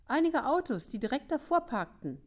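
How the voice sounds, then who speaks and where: A woman's voice: sits high, normal speed, voice pushed up. A woman reading aloud, voicing an insistent boy eager to share news. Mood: excited. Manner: excited, insistent. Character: boy bringing bad news, impatient.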